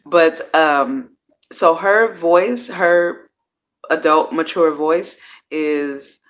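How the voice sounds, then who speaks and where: A woman with a low voice and drawn-out words hosts her own personal growth series in a casual reflective monologue. She talks candidly, uses slang, swears freely, and often trails off and restarts her sentences.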